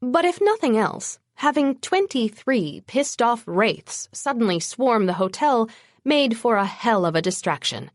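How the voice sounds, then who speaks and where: A woman narrating an urban fantasy audiobook in the first person, with a wry, brisk storytelling manner. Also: a little high, sing-song, no room sound, clean studio sound.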